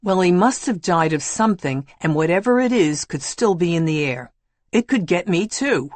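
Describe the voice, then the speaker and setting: A woman voicing a shrill, paranoid caller with a Queens accent who insists and scolds. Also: animated, moderate pace, darkish tone, no echo, close to an everyday voice. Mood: indignant. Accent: New York, Queens.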